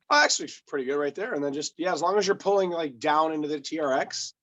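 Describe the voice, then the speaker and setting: A man working as a personal trainer with a hoarse voice, coaching a client through exercises step by step with easy laughs. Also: fairly high pitch, animated, brisk, fairly bright tone, a little hiss or hum, low-quality recording. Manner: patient step-by-step instructions, laughs easily. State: hoarse, lost voice. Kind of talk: remote workout coaching.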